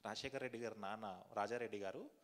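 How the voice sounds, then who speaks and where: A man's voice: fairly low pitch, fast, a bit bright, long reverb tail. A man pastor preaching a sermon, asking the congregation questions and leading a fervent prayer. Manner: repetitive fervent prayer cadence. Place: church hall.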